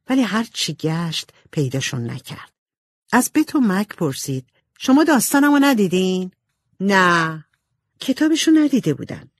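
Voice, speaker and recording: Lively, husky woman storyteller. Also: low-pitched, no echo, clean studio sound. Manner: expressive storytelling. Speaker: audiobook narrator. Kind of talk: scripted narration.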